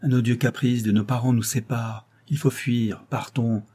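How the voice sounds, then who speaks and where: Fiery young marquis for a classic-novel audiobook, a man reading him, urgent and husky. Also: mid-range voice, fairly even intonation, normal speed, mellow, close to an everyday voice.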